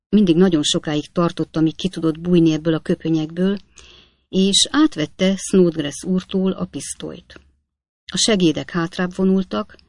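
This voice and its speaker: Dry, measured audiobook narrator. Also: mid-range voice, vocal fry, no room sound. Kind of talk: scripted narration of a classic novel.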